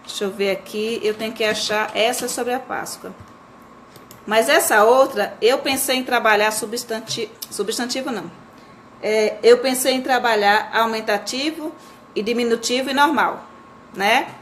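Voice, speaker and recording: A woman's voice: fairly high pitch, normal speed, a little hiss or hum. A woman teacher talking casually to fellow teachers on a live stream, chatty and full of fillers and self-corrections.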